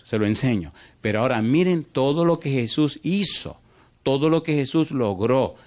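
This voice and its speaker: Preaching to his congregation, this male pastor fires off one yes-or-no question after another. His pitch sits in the middle, and his lively delivery lurches from fast to slow and stretched.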